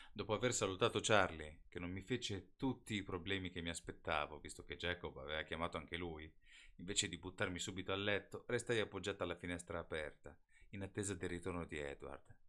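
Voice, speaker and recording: A man reading an audiobook aloud live in a steady, measured way. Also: low voice. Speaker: audiobook reader.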